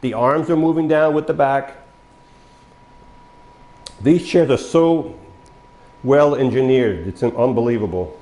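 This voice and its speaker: An older man, a mobility dealer, demos a power wheelchair step by step for viewers he addresses as folks. Speaking slowly with long pauses, his mid-range voice has a dark tone and is going hoarse with coughs. The large, bare indoor showroom studio makes the recording echoey.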